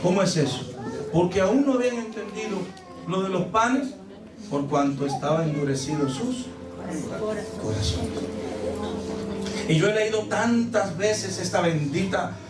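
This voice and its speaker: A man pastor preaching a sermon in a church, animated and theatrical, acting out scenes with loud cries. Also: high-pitched, a little slow, long pauses. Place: church service. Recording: echoey church from a distant mic, music behind.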